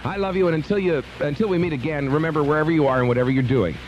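A man's voice: a little high, very fast, noisy background. A man presenting live radio as a DJ, casual and loose with joking asides. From Southern California. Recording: dull lo-fi radio broadcast with music.

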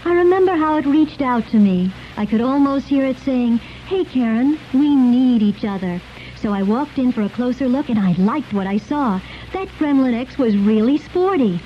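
A woman's voice: a little high, natural voice. A woman playing a fond, chatty car owner telling her story in a scripted radio testimonial. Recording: dull lo-fi radio ad, faint noise.

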